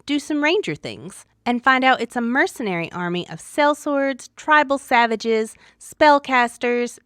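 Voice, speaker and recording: A woman's voice: a little high, fairly bright tone, no room sound, studio quality. A woman hosting a story show, reading a scripted narration of a tabletop adventure in a wry, dramatic way. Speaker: story podcast host.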